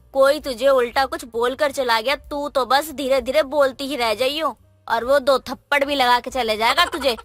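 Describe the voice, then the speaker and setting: A woman voicing an impatient mother-in-law who scolds and nags her daughter-in-law in an animated moral story. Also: sits high, dry recording. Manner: scolding, nagging.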